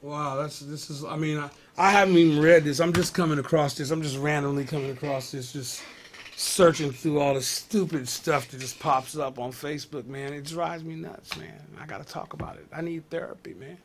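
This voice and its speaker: A man's voice: fairly high pitch, fairly even intonation, moderate pace. A comedian hosting a live web show, riffing on news stories and talking straight to his viewers in a casual, exasperated way.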